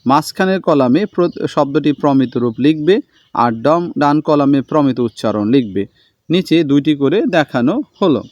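A man teaching a school language lesson, reading aloud slowly and repeating each word for his students. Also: a little high, lively intonation, a little mellow, no echo. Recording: dull lo-fi sound.

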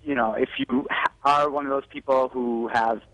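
A male doctor talks health advice as a guest expert in a live phone interview on TV news, frequently saying "you know." His mid-range voice is steady and fairly bright at a normal speed. The phone recording is rough, with no room sound.

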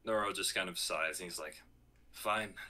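A man playing a tabletop game, relaxed, narrating his character's actions in third person. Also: low voice, fast, slight background noise. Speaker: player.

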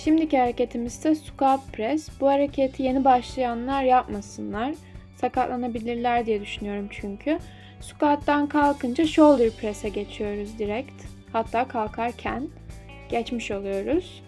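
Young woman, fitness vlogger, higher-pitched voice, chatty and instructive, soft music underneath. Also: moderate pace. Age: young adult. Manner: chatty, instructive, slightly self-deprecating. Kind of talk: casual explanatory voice-over.

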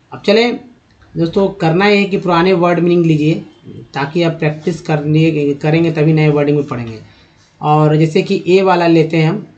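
A man with a somewhat high voice gives a casual lesson on reading English. He sounds out vowels and words one at a time and keeps calling his viewers friends. The recording is dull and lo-fi. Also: a little mellow. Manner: addresses viewers as friends, spells out sounds and letters. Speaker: English teacher.

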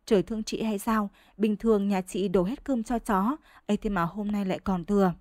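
A woman narrates a village short story in a steady, mid-pitched voice. The sound is dry and close, with no room echo. A bedtime radio-style story reading. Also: fairly quick.

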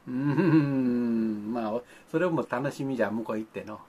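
A man's voice: medium pitch, a little slow, warm tone, husky. An older man, talking to children in a folksy, grandfatherly way, with old-fashioned speech and playful sound effects. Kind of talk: folksy monologue to the camera.

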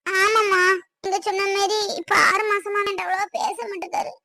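A woman's voice: extremely high pitch, flat delivery, a little fast, a crowd in the background. A woman playing a young bride-to-be who talks in a tearful, pleading way, in a family skit. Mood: hurt. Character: young bride-to-be, hurt and sulky.

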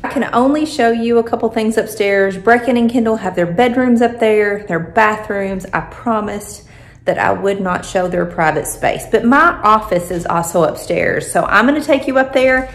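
Speaking at normal speed on a low-quality recording, this female vlogger gives a casual, chatty home tour. She films with a phone held at arm's length, moving from a patio outdoors to the inside of her house, and uses a high sing-song voice whenever she addresses her dog.

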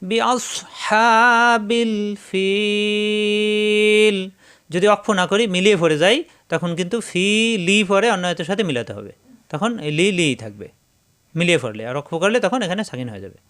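Male recitation teacher, slightly raised pitch, clean ringing tone, methodical syllable-by-syllable drilling. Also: lively intonation, fairly bright tone. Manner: spells syllables slowly, then chants the verse drawn out. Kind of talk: spelling-out recitation lesson.

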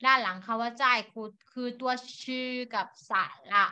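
Bright patient woman teaching young children. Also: fairly high pitch, fairly even intonation, smooth. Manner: patient, spells sounds out slowly for children. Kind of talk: online classroom lesson. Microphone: video call. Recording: dull lo-fi online call audio.

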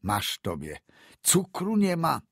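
A man's voice: mid-range voice, expressive, unhurried, slightly rough, no echo, pitched above the performer's own voice. A man voicing an anxious, brusque country doctor in an audiobook, asking curt questions. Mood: urgent. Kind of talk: audiobook character voice.

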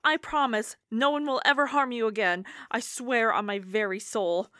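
A woman's voice: a little high, steady tone, moderate pace, sharp tone, no room sound, studio quality. A woman voicing a whiny, grimy young male college gamer, whining out dramatic vows.

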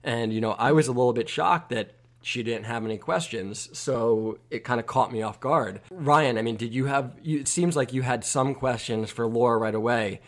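An earnest man hosts a relaxed podcast conversation. He asks open questions and backs up his guests. His voice sits at a middling pitch. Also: normal speed, few pauses. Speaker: podcast host.

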